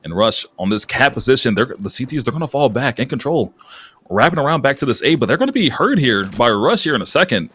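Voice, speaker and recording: A man doing live esports commentary as a caster, lively and husky, with casual asides. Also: medium pitch, quick pace. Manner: animated esports caster delivery. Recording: music behind the voice. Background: music.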